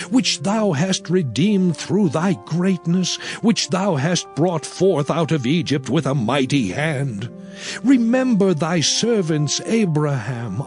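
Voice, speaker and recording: A man's voice: fairly high pitch, darkish tone. A man playing Moses, a solemn prophet addressing his people in a declamatory, dramatized scripture reading with archaic diction. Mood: pleading. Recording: music behind the voice. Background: background music.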